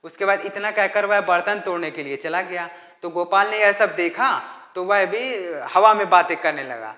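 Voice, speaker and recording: A man teaching an English lesson, explaining a story in Hindi and translating it phrase by phrase in a slow, deliberate way. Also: sits high, sharp tone, reverberant, big-room sound.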